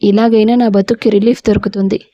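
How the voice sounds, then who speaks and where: A woman's voice: mid-range voice, level tone, fast talker, mellow, muffled recording, natural voice. A woman voicing a bitter angry husband. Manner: scornful, snapping.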